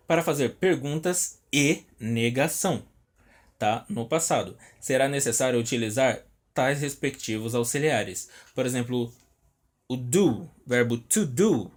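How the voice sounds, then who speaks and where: A Brazilian man teaching an online English lesson, repeating each word and checking in often with his students. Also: medium pitch. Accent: Brazilian Portuguese. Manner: explains slowly, repeats words, checks in with "tá?" constantly. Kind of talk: recorded online language lesson.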